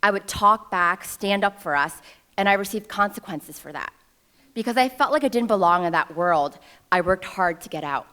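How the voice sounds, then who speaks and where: A New York City woman in her thirties, an alumna speaking at a ceremony, tells a personal story into a podium microphone on a stage before an audience, with wry, self-deprecating humor. Her medium-pitched voice is bright and forceful, with lively intonation at a moderate pace.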